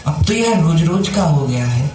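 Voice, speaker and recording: An actor playing an irritable, short-tempered merchant in a school stage play, with a loud, exasperated delivery. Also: male voice, fairly high pitch, very animated, measured pace. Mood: frustrated. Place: school stage at an annual function. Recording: echoey hall.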